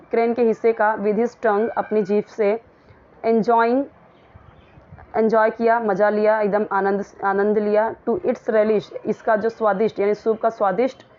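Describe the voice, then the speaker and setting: A woman English teacher. She reads a story line by line and explains each word in friendly, chatty Hindi, reading the English parts slowly and clearly. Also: mid-range voice, dull audio.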